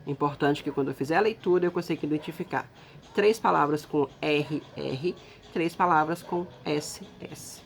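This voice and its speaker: A woman's voice: low-pitched, normal speed, vocal fry, a little hiss or hum. A woman teacher giving a recorded lesson, explaining patiently step by step and checking in with her students.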